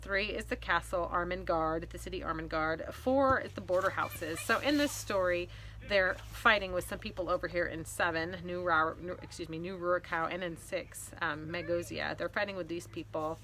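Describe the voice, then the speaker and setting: A woman in her thirties or forties, a fantasy author hosting her own vlog, talks to viewers in a casual, expressive, explanatory way. Her voice is on the low side, steady and sharp, at normal speed. Faint ambient noise is present.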